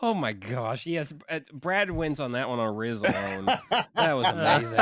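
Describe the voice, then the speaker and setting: A man's voice: on the high side, pushed and bright, dry recording. Laughing man hosting a podcast game. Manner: laughs often, playful, moves the game along. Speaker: podcast co-host running a game. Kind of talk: casual podcast banter.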